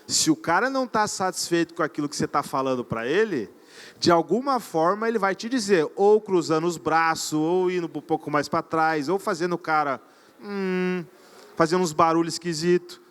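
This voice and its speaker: High-voiced man lecturing a crowd. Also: moderate pace. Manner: energetic, keeps quizzing the audience. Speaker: conference speaker. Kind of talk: live sales seminar talk. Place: event stage before an audience.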